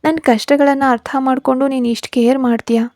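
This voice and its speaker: A woman's voice: sits high, steady tone, a little fast, a little mellow, no echo, studio quality, natural voice. A woman voicing a confused, troubled young husband in a storybook reading. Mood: weary. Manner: weary, hesitant.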